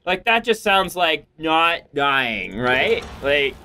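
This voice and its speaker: A young male let's play host with a voice sitting a little higher than most men's. He rambles through his gameplay commentary in a goofy, jokey way, talking to himself and breaking out in sudden exclamations. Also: big pitch swings, slow pace, pushed and bright, slight background noise.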